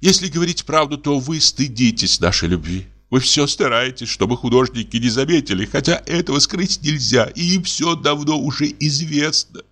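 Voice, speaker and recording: A man's voice: mid-range voice, expressive, moderate pace, hardly any pauses, a bit bright, voice pushed up. A man voicing a despairing young woman who pleads and sobs in a literary audiobook. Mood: tearful. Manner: pleading and sobbing.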